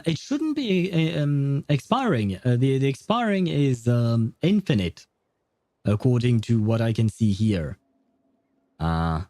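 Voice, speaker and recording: In a dry, studio-quality recording, a man with a medium-pitched, mellow voice plays a game on stream and reads chat aloud. He chats in a hesitant, meandering way, laughing often and leaning on fillers.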